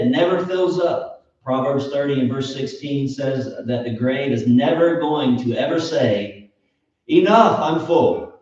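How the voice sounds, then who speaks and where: A male preacher delivers an earnest, emphatic sermon and keeps putting questions to his listeners. His voice is dark and mellow. It comes from well back from the microphone in an echoing church hall, with a dull, muffled sound. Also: medium pitch. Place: church auditorium. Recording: echoey hall, distant mic, dull.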